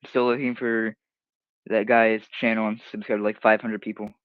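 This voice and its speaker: A man's voice: fairly low pitch, little pitch movement, normal speed, clear, resonant tone, no room sound, highs cut off. A teenage streamer, casually reading comments aloud and mocking them, often restarting his sentences.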